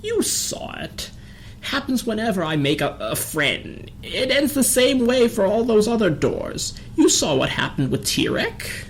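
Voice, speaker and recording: A woman voicing a mischievous male spirit of chaos in a dramatic comic reading, with gravelly, mock-sweet, hammy stage-actor delivery. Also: medium pitch, very animated, measured pace, a little hiss or hum. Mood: anguished.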